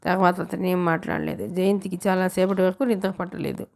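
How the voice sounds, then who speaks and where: A woman narrating a novel for an audiobook in a steady, measured way. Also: lowish voice, creaky. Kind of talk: reading a novel aloud.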